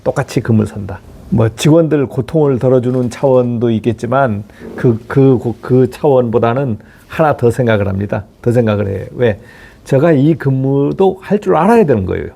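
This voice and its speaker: Man, middle-aged, dark gravelly tone, blunt, profane, rhetorical questions, career advice talk. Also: mid-range voice, lively intonation, moderate pace. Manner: blunt, rhetorical, swears freely. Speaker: facility management chief giving career advice. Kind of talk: motivational talk to viewers.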